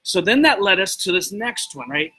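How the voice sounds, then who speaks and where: A man talks straight to his live viewers in a loose, rambling style. His voice sits a bit high and has a bright, forceful edge. He gets excited as he goes and breaks off to greet people by name. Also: moderate pace, low-quality recording. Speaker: host of a live video show. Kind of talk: casual motivational talk to live viewers.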